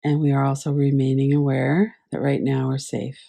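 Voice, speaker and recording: Gravelly-voiced woman guiding a visualization. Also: very deep voice, flat delivery. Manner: gentle, unhurried guidance with pauses. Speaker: meditation teacher. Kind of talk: guided visualization class. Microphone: video call.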